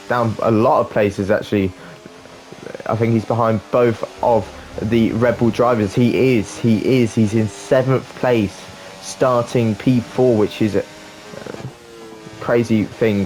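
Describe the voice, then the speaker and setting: A man's voice: medium pitch, a little mellow. A man commentating over his own racing gameplay, chatty and rambling with fillers. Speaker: gaming channel host.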